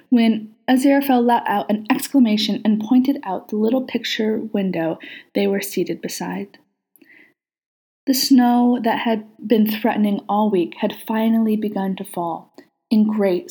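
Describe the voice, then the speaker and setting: Mellow-voiced woman reading a story. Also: mid-range voice. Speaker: narrator. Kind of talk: reading fan fiction aloud.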